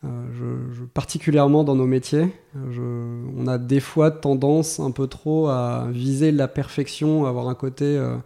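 A man in his thirties talks through his answers as a podcast guest, his voice mellow and dark with a gravelly edge. He stops, restarts and fills pauses as he works out what he wants to say. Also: medium pitch, fairly even intonation. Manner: thoughtful, many hesitations and restarts. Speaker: guest, tech executive. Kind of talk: casual interview talk.

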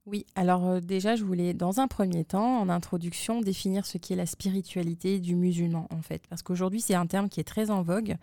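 A woman co-hosting a podcast, explaining things in a measured way with frequent hesitations. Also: lowish voice, fairly even intonation, dark tone, no room sound, studio quality. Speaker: podcast co-host. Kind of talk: casual podcast chat.

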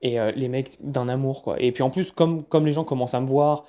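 Casual French vlogger, dark mellow voice, rambling with frequent restarts. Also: male voice, mid-range voice, steady tone, fairly quick. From France. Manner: chatty, stumbles and repeats words. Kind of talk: casual recap vlog.

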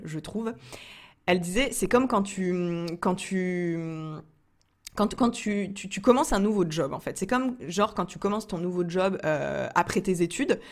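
A young woman speaking candidly in a casual personal vlog, chatty and confiding, often restarting her sentences. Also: on the low side. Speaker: vlogger.

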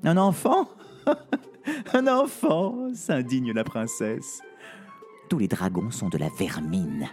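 Man playing a spoiled young princess, high voice, bossy, shouting, lively pitch, soft music behind. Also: takes it slowly, pauses often, heavily acted. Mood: imperious. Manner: snapping, shouting insults.

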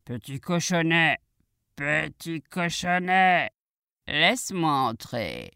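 A woman voicing a sly, menacing wolf in a children's storybook reading, drawing out every word in a slow, coaxing way. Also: low-pitched, sing-song, pushed and bright, smooth, no echo, studio quality, heavily acted. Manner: slow drawn-out coaxing delivery. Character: sly menacing big bad wolf, drawling and hungry.

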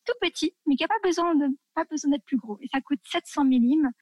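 Enthusiastic woman from france, chatty, lots of fillers, kinda high voice, dry sound. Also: fairly quick, a little mellow, no room sound. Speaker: guest sharing food tips. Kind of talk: casual chat.

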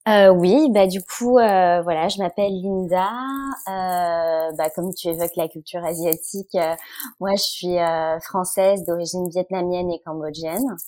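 A woman from France, a guest on a podcast. Her pitch is slightly low, and she speaks haltingly, full of pauses and restarts. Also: steady tone, mellow, dry recording. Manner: halting, many fillers and restarts. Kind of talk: podcast interview.

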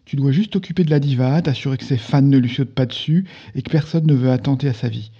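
A man voicing a gruff, pressed male boss who talks in a brisk and insistent way. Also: medium pitch, dark tone, highs cut off.

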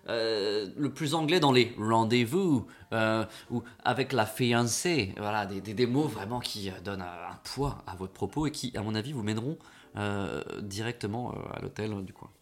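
A man's voice: fairly low pitch, normal speed. A man co-hosting a comedic show, rambling and stumbling over repeated words. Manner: rambling, stammering repetitions. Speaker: co-host. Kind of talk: comedic radio banter.

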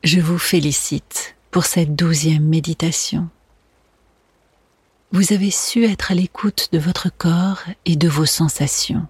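Slow, breathy, soft spa-like whisper guiding meditation. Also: medium pitch, fairly even intonation, no echo. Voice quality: breathy, hushed. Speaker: guided meditation instructor. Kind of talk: guided meditation narration.

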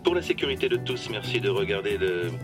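A man acting as an airline captain speaks from the cockpit over the cabin loudspeaker, formal and measured. His voice sits fairly low and sounds distant. Clear music plays behind him. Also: big pitch swings. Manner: formal, measured announcer delivery switching to English. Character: male airline captain giving a cabin announcement. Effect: cockpit announcement over the cabin loudspeaker.

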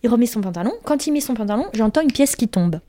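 A woman's voice: a little high, lively intonation, quick pace, dark tone, dry recording, studio quality. A young woman from Corsica frankly telling a personal story in casual talk, crude and emphatic, acting out what people said. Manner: frank, crude, emphatic retelling with acted quotes.

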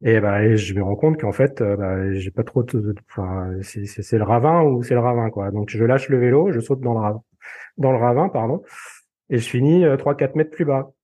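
A man tells a story in a relaxed podcast chat and keeps stumbling over fillers and repeated words. His voice sounds mellow and dark, at a middle pitch. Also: moderate pace. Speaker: podcast guest. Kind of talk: casual storytelling.

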